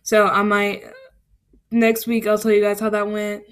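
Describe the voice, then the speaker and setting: A woman's voice: mid-range voice, monotone, unhurried, smooth. Teen girl podcast host, rambling. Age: teens. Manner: protesting, laughing, rambling. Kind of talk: casual chat.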